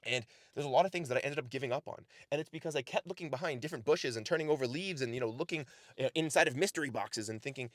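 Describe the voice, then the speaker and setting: Fast-talking earnest man giving life advice. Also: medium pitch, no echo, studio quality. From Canada. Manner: earnest, repeats "right?" and "the reality is". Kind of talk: casual motivational talk to camera. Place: outdoors in snow.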